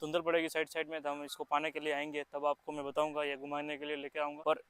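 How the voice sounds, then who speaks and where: A man's voice: on the high side, monotone, fast talker, fairly bright tone, clean tone, no echo. A young man, chatting casually and rambling through a farm vlog outdoors in a field on a handheld mic. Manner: chatty, rambling, with restarts and fillers. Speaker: farming vlogger.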